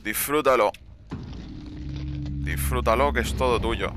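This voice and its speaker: A man's voice: mid-range voice, measured pace, noisy background. A young man commenting live on his gameplay, swearing and taunting the other players.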